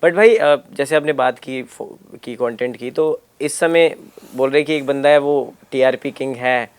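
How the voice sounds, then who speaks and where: Young male host, smooth clear voice, casual questioning in a studio podcast. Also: mid-range voice, unhurried. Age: young adult. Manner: asks questions, many short backchannels. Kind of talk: casual interview chat.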